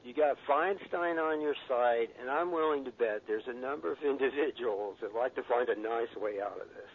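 A man's voice: mid-range voice, normal speed. American male caller on a noisy phone line. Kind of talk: casual political opinion.

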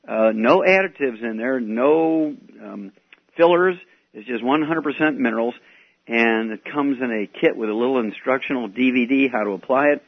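A man hosting a call-in health advice radio show, talking in an unhurried way with many "uh" fillers, taped off the radio. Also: mid-range voice, gravelly. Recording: dull lo-fi radio tape with faint music.

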